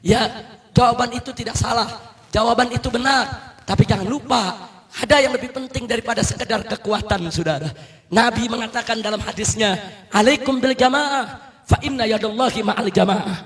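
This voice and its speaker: A man preaching a fiery rally sermon as an Islamic preacher, shouting rousing calls to the crowd and often addressing them as brothers. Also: very high-pitched, brisk.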